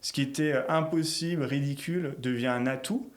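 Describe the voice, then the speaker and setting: Animated French man, reflective coach. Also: mid-range voice, brisk. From France. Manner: animated, reflective, builds lists of short phrases. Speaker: guest, coach for entrepreneurs. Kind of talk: podcast interview conversation.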